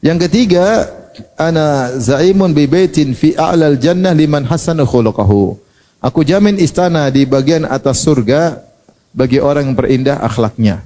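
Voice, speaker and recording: A man preaching a sermon in a lively, joking way, acting out the people he quotes. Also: on the high side, moderate pace, in a large hall.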